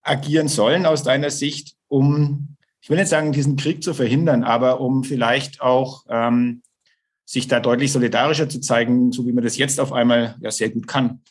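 A man's voice: medium pitch, flat delivery, normal speed, husky. A man interviewing a guest, who searches for words and asks long, winding questions with a lot of hesitation. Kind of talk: conversational interview.

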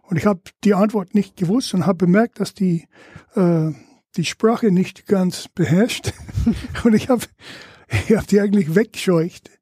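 An older man from Louisiana with an American accent, a native English speaker, chatting as a podcast guest in halting German and searching for his words. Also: high-pitched, warm tone, breathy edge, no echo, clean studio sound. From Louisiana, USA. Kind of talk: casual interview chat.

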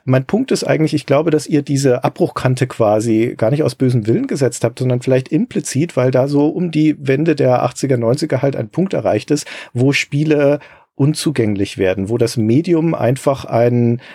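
A man hosting a podcast, making a measured, thoughtful argument in a discussion. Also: mid-range voice, gravelly, dark tone, slightly rough, no echo, clean studio sound. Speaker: podcast host.

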